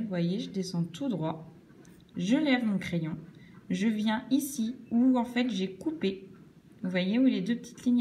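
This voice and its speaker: A woman teaching children cursive handwriting, explaining each stroke slowly and patiently, step by step. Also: medium pitch, warm tone, slight background noise.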